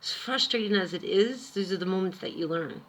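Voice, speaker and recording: A Pennsylvania-born American woman vlogs to camera about her time abroad, her mid-range voice moving a little fast. She tells her stories casually, chatty and emphatic, with lively asides thrown in.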